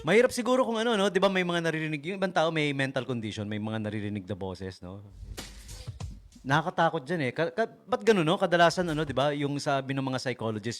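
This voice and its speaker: Chatty Filipino radio DJ, joking. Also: male voice, medium pitch, lively intonation, fast talker, soft background music. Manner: chatty, joking, often adds "no?" and "promise". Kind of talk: casual radio chat. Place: radio studio.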